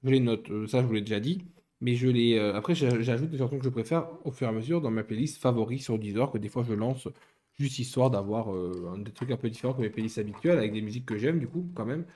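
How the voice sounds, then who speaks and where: A man's voice: mid-range voice, fast talker, dark tone. A young man chatting casually while building Lego, rambling and often correcting himself.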